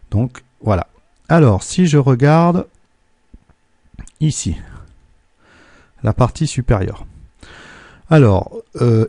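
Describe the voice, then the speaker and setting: A man teaching a technical lesson, walking through a correction step by step, patiently checking that his students follow and slowing down on numbers. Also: medium pitch, mellow, no echo, studio quality. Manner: patient, checks in with "d'accord?" and "hein"; slows down to spell out numbers and steps. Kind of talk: screen-recorded lesson correction.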